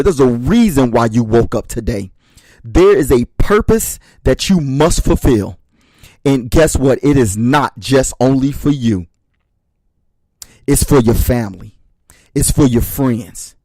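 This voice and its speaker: A motivational speaker addresses his listeners directly as brothers and sisters, hammering home short refrains he repeats. His voice is medium in pitch and dark in tone, recorded with no room sound.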